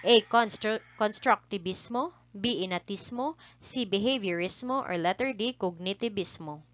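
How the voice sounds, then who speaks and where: A woman's voice: medium pitch, a little slow, a bit bright, highs cut off. A woman teacher with a Filipino accent reads review quiz questions and answers aloud, repeating each answer twice in a polite tone. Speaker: teacher running an exam review.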